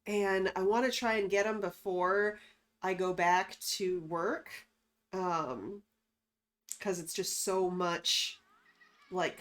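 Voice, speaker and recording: A woman's voice: lowish voice, a bit bright. A slightly wheezy, short-of-breath woman chatting casually and candidly as the host of a livestream. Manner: rambling, candid.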